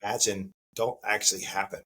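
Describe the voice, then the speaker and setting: A man's voice: on the low side, level tone, fairly quick, pushed and bright, husky, rough recording. A man hosting a casual interview podcast, talking conversationally, repeating himself and using many "like" fillers. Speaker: podcast host.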